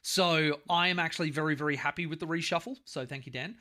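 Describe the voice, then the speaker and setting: An Australian man hosts a relaxed gaming podcast, talking in a bright, forceful voice that sits a little high for a man. He is animated and drops casual swearing as he chats over a call. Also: fast talker. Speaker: podcast host.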